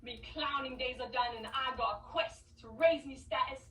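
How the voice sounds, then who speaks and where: Cheeky male Cockney street clown played by a woman, high bright voice, heard from afar on an echoey stage. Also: moderate pace, far from the mic. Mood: scheming. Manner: rhyming, chatty, boastful. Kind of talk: stage play acting.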